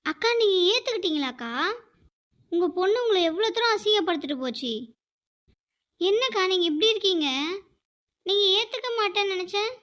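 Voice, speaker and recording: A woman's voice: sits high, brisk, sharp tone. A woman voicing a nosy, prying neighbor woman in a cartoon who wheedles and pries at every turn. The recording is dull and lo-fi. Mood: shocked prying. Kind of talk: animated cartoon dialogue. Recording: dull lo-fi audio.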